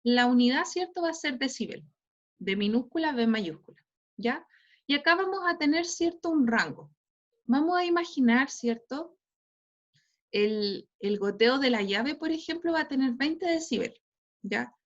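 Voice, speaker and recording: A woman's voice: high-pitched, expressive, normal speed. Chilean woman teacher, "¿cierto?" after every phrase. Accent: Chilean Spanish. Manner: tags nearly every phrase with a questioning "¿cierto?" or "¿ya?". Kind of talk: online class lecture. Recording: dull lo-fi online class audio.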